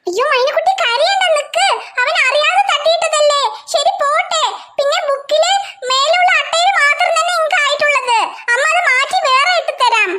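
A woman's voice: very high-pitched, normal speed. A woman voicing a harried cartoon mother who scolds her children and complains to her husband. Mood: scolding. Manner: scolding, exasperated, chatty asides to viewers. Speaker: channel host. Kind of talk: cartoon voice acting. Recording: loud background noise.

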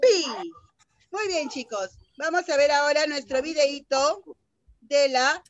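A woman teaching young children an online lesson, sounding out syllables in a slow sing-song way, heard through a computer mic on a video call. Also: high voice, no echo, lo-fi sound.

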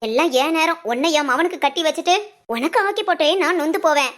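A woman voicing a bossy, sharp-tongued village mother-in-law in a cartoon, scolding with curt retorts. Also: high-pitched, lively intonation, fast talker. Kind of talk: cartoon voice acting.

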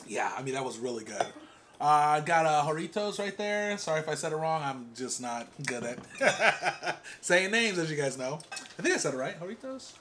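A man's voice: fairly high pitch, lively intonation, normal speed, pushed and bright, slight background noise. A man co-hosting an eating show, talking in an easygoing, jokey way and laughing at himself. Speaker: co-host of an eating channel. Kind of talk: casual mukbang chat. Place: home.

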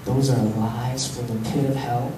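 A young man preaching a sermon on a handheld mic, animated, swinging from loud to hushed. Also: medium pitch, unhurried. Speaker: pastor. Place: large church hall with stage. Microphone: handheld mic, filmed from the pews. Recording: echoey hall, far camera, faint hum.

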